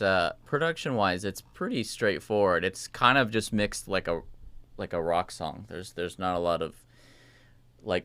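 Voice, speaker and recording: A man's voice: low-pitched, clean tone, no echo. A man casually walking through his own mix in a tutorial, thinking aloud in a loose, rambling way. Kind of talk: casual screen-share tutorial. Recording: voice over loud music playback.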